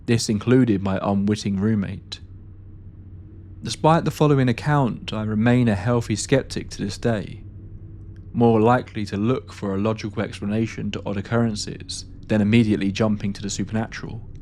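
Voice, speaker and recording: A man narrating a first-person ghost story in a steady, measured reading style. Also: on the low side, slight background noise.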